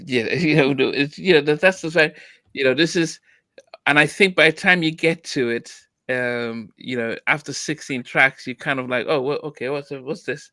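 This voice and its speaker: A man's voice: on the high side, normal speed, pushed and bright, no room sound. Man, podcast host, casual album review, hesitant restarts, dry close sound. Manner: hesitant, many restarts and fillers. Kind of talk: casual music review chat.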